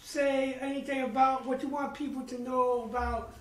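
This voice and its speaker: Man, interviewer, very high voice, roomy echo. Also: little pitch movement, moderate pace. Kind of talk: casual interview questions.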